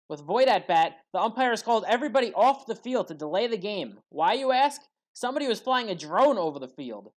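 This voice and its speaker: A woman reads scripted play-by-play for a sports highlights recap, keeping it matter-of-fact but lifting her delivery on the key moments.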